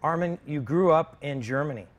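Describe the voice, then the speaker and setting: A man's voice: a little high, normal speed. A man hosting a racing talk show, chatty and loose as he interviews his guest. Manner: chatty, loose, leans on filler phrases. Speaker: show host. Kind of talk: casual TV interview.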